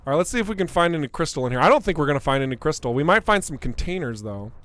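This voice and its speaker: Young man, game developer, live gameplay stream commentary, playful, excitable, high voice, dry close sound. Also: rapid-fire, dry recording. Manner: playful, excitable, laughs often.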